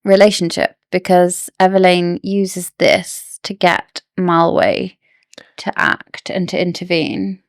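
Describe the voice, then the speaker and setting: Woman, lowish voice, gravelly fry, dry close sound, chatty theorizing co-host. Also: flat delivery, slow pace, dry recording. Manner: speculative, musing over plot theories. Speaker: podcast co-host. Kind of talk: casual book discussion.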